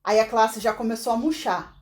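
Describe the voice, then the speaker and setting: A middle-aged woman tells a story in a relaxed, conversational way. Her voice sits a little high, and it leaps up sharply when a moment gets dramatic. She often breaks off for quick laughing asides. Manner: animated retelling with sudden pitch jumps and laughing asides. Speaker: podcast host. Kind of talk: casual storytelling.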